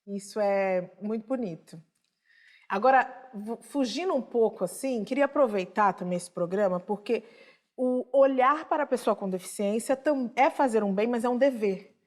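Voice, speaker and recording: A woman's voice: fairly high pitch, normal speed. A woman hosting a TV talk show, asking engaged questions and introducing stories. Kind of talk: TV studio conversation.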